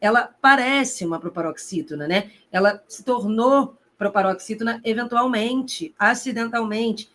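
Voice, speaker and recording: Woman teaching grammar, slow emphatic explanations. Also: a little high, fairly bright tone. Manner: didactic, addresses the student directly with rhetorical questions; stretches out key terms slowly for emphasis. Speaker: Portuguese teacher. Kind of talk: recorded exam-prep grammar lesson.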